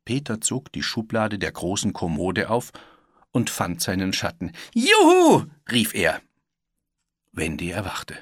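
A man narrating a children's story, gentle and lively. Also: sits low, moderate pace, slightly rough, dry recording, clean studio sound.

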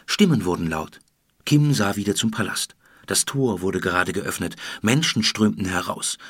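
Gravelly, husky male storybook narrator. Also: on the low side, dry recording, clean studio sound. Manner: steady storytelling, voicing characters. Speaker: audiobook narrator. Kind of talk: scripted children's story narration.

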